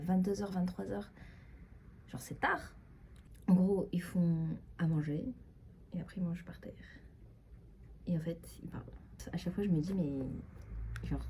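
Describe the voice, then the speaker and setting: A woman's voice: fairly low pitch, dark tone, slight background noise. A young woman vlogger telling a casual, rambling story with many fillers, sometimes dropping to a whisper. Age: young adult. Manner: chatty, rambling, frequent fillers and asides.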